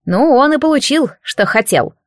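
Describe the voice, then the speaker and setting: A woman doing a cheeky child god, pitched high. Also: lively intonation, no echo, studio quality. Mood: mocking. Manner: petulant, teasing, quick, grown-up under a child's voice. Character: cheeky shape-shifting child god, boyish, grumpy. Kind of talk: audiobook character voice.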